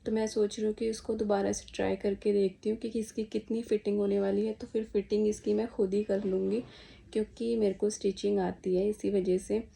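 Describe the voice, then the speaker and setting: A woman's voice: medium pitch, level tone, fairly quick, gravelly, mellow. A young woman vlogging from her home in a chatty, casual way, talking straight to her viewers. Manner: chatty, addresses viewers as guys, talks sweetly to her small son. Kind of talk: casual chat to camera. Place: at home indoors.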